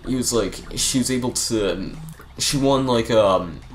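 A man's voice: medium pitch, a little slow. A young man giving casual, rambling commentary over a video game, chatty and full of fillers. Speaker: let's play commentator. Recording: faint game music behind.

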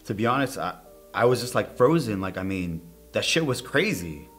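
Deep-voiced, nervous witness played by a man. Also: very animated, moderate pace, soft background music. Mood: uneasy, defensive. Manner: hesitant, evasive, rambling. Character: nervous, awkward male witness being questioned by police. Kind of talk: naturalistic screen acting, interrogation scene.

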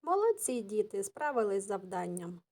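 A woman teaching children, reciting rhymes in a slow sing-song manner. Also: medium pitch, big pitch swings, darkish tone. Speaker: kindergarten teacher. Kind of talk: classroom lesson with rhymes.

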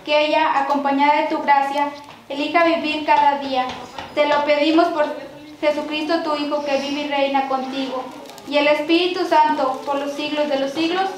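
Woman, Mexican accent, liturgical prayer leader, high voice, very echoey church, noisy background. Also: little pitch movement. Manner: measured recited cadence with occasional restarts. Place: church at a quinceañera mass.

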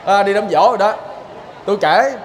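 A man's voice: high-pitched, fairly quick, slight background noise. A man with a Southern Vietnamese accent giving a sermon as a lay preacher, folksy and storytelling, often turning to the listeners with a question. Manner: folksy, keeps asking "see?" of the listeners.

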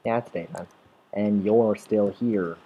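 Speaking slowly in a deep voice, a gameplay commentator rambles between thoughts, swears freely, talks back to the game's mobs and restarts sentences. He uses a desktop or headset mic, the sound is phone-quality, and faint noise sits underneath.

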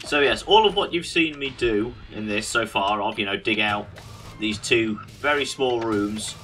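Male game streamer, British accent, dry mock-grumpy humour, fairly low voice, music underneath. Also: moderate pace, sharp tone. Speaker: gaming video host. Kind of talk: casual gameplay commentary.

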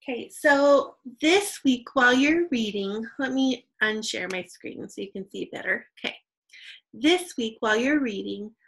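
Slow, patient woman teaching young children. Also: on the high side, lively intonation, fairly bright tone, low-quality recording. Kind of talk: online reading lesson for young children.

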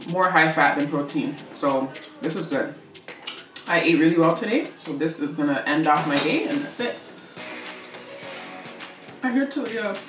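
A woman's voice: sits low, animated, normal speed, pauses often. A woman chatting casually and teasing her friend while eating on a mukbang vlog. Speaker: vlogger co-host. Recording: roomy, mic far off, music behind.

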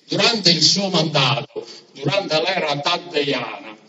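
Booming male rally orator, high-pitched and echoing. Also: expressive, slow, sharp tone. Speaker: local politician speaking at a campaign rally. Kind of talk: impassioned public rally speech. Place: large town square at night, outdoors. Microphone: stand microphone through PA, filmed by far camera. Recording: echoey distant lo-fi outdoor PA, crowd noise.

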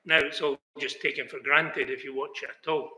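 Brisk and sharp, with a slightly high, fairly even voice, an older British man preaches earnestly in a chapel, rising occasionally to exclamations. The indoor chapel hall sounds echoey, and a fixed camera frames him seated in mid shot.

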